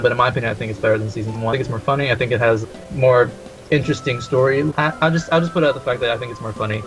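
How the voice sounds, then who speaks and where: A man from Taiwan, a podcast guest, chatting casually and giving his opinions with quick laughs. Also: mid-range voice. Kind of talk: casual chat.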